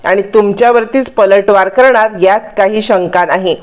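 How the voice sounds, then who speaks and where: A woman's voice: mid-range voice, normal speed, lightly acted. A woman doing a scheming, taunting young blackmailer. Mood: threatening. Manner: taunting, threatening.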